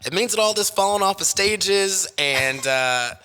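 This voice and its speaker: An American man chatting casually as an interview guest, effusive and quick to poke fun at himself. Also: high voice, expressive, sharp tone, a little hiss or hum. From Kansas City, United States. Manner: self-deprecating, effusive. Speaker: interview guest, sports stadium host and hype man. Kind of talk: casual chat. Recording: long hall-like reverb on voice.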